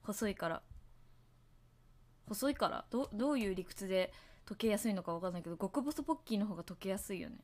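A woman's voice: medium pitch, animated, fast, a little mellow. A woman hosting a casual livestream, chatting to her viewers in a rambling way and laughing at herself. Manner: hums and sings along to songs between topics. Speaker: livestream host.

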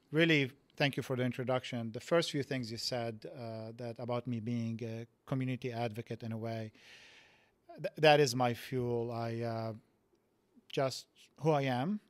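A man's voice: medium pitch, fairly even intonation, no room sound. Reflective man from Lebanon, dry studio sound. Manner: reflective, halting with many restarts. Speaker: podcast guest, physics professor. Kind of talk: casual interview talk. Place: studio set with dark curtains. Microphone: boom mic on stand.

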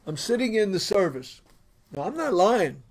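A middle-aged man, a bishop, telling his testimony in an animated, boisterous storytelling manner. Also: sits high, moderate pace, husky.

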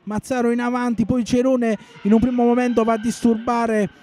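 High-pitched man calling live futsal. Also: flat delivery, moderate pace, dark tone. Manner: urgent, repeats phrases for emphasis. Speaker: sports commentator. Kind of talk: live play-by-play futsal commentary. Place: indoor sports hall during a match. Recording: noisy sports hall ambience. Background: clear match noise.

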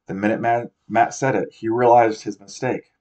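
Low-voiced man reading aloud. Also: fairly even intonation, moderate pace, a little mellow. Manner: reads with frequent slips and self-corrections. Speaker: audiobook reader. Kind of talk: amateur audiobook narration. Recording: dull lo-fi recording.

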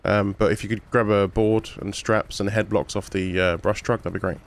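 Male paramedic role-player, low voice, procedural and reassuring, faint game ambience. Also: normal speed, a little hiss or hum. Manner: calm, procedural, reassuring to patient. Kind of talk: improvised emergency role-play.

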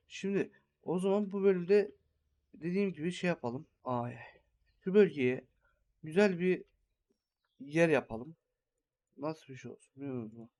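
A man's voice: on the high side, darkish tone. A young man hosting a gaming channel, giving rambling, think-aloud commentary while he builds in a farming game.

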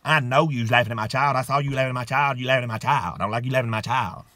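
Indignant mother who won't listen, repetitive and sharp-toned from a man putting her on. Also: mid-range voice, racing, no room sound, voice pushed down, close to an everyday voice. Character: angry protective mother at a kids' game.

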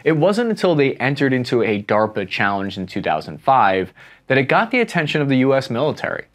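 A young man narrates a scripted video essay. His pitch rises and falls a lot, and he drops wry, playful asides into the reading. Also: sing-song, brisk.

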